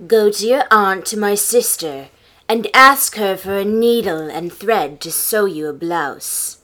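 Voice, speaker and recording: A woman's voice: medium pitch, takes it slowly, sharp tone. A woman voicing a wicked stepmother in a folk tale, giving orders in a falsely sweet tone.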